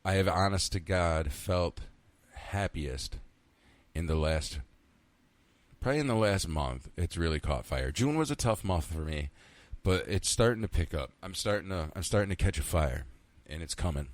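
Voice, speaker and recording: Deep-voiced man in his fifties, rambling. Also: animated, moderate pace, no echo. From central New York. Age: 50s. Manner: rambling, candid, swears freely, talks to himself. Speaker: podcast host. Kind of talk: casual solo podcast monologue.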